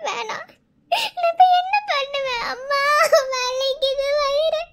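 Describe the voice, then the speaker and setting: A shrill cartoon med student in pain. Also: female voice, moderate pace. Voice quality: very high, bright girlish voice.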